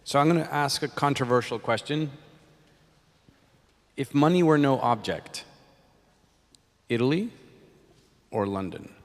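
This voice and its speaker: Guy moderating a panel, asking questions, medium pitch, echoey hall. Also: animated, unhurried, pauses often. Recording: reverberant hall.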